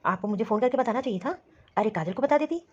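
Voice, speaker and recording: A woman voicing a worried son and scolding husband in an animated story, talking quickly and insistently. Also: fairly high pitch, husky, highs cut off. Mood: concerned, scolding. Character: grown son and worried husband, office worker.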